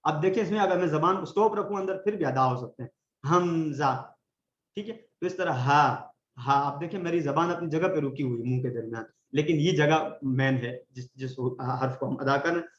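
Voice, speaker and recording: Man, recitation teacher, online class, slightly high voice, roomy dull lo-fi sound. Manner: patient, demonstrates sounds slowly for students to repeat.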